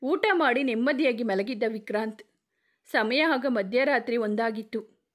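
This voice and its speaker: A woman's voice: on the high side, measured pace. A woman telling a suspense story in a plain, dramatic reading. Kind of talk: scripted story narration.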